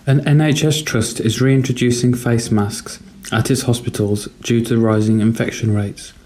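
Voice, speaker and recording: Mellow-voiced man reading the news. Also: medium pitch, steady tone, soft background music. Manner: measured, plain news delivery. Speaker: news reader.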